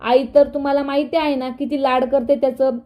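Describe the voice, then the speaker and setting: A woman's voice: high-pitched, little pitch movement, a little fast, close to an everyday voice. A woman reading the lines of an affectionate young husband, playful and teasing. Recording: dull lo-fi recording.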